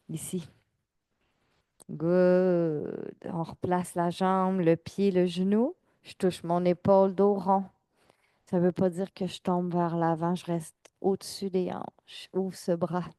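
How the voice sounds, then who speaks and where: A woman fitness instructor, giving calm, measured exercise cues and counting reps. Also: fairly low pitch, smooth, dry recording. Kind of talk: guided exercise class cues.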